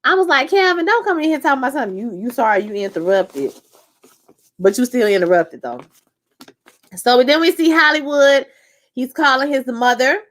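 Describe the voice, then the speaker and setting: A show reviewer in her thirties, from Louisiana with a New Orleans accent, live-streams while reviewing a TV episode, her voice sitting high at normal speed. She chats casually and animatedly with her live-chat viewers, referring to them as "y'all."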